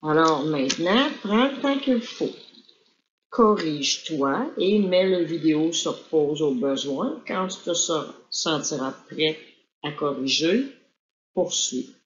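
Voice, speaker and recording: A woman's voice: sits low, animated. A woman teacher, reading a dictation aloud and then correcting it, spelling words out letter by letter. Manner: slow, deliberate dictation pace. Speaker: French teacher. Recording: dull lo-fi recording.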